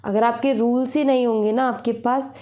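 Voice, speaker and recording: A woman's voice: fairly high pitch, steady tone, moderate pace, dark tone. A young woman reading tarot cards for her viewers in casual, instructive talk, often repeating her points and mixing English words into her Hindi. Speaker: tarot reader.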